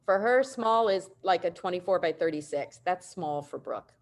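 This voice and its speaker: A middle-aged woman printmaker giving a virtual presentation over a video call, explaining prints with warm enthusiasm and casual asides. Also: on the low side, lively intonation, moderate pace. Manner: informal asides and self-corrections. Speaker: printmaker presenting artists' work.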